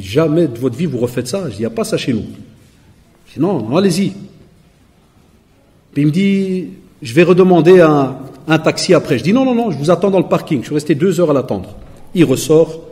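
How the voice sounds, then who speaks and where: A man's voice: a little high, dark tone. A Belgian man in his forties giving a sermon to a live audience, telling stories and acting out the lines of other people, joking with the crowd. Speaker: preacher. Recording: echoey hall recording.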